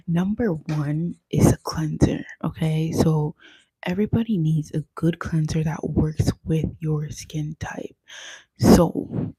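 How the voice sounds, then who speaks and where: A woman's voice: low voice, dark tone, breathy edge, dry recording. A young woman teaching makeup on a casual livestream, chatty and often checking in with "okay?".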